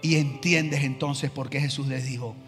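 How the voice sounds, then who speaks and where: A man preaching a sermon as pastor, animated, acting out the voices in his stories. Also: medium pitch, moderate pace. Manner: animated, acts out voices in dialogue. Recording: long hall reverb, faint music.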